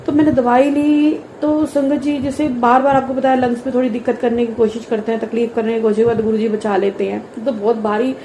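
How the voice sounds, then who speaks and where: A woman's voice: on the high side, flat delivery, fairly quick, few pauses, mellow, echoey room, a little hiss or hum, low-quality recording. A middle-aged woman telling an earnest, emotional devotional testimony and often addressing the congregation directly.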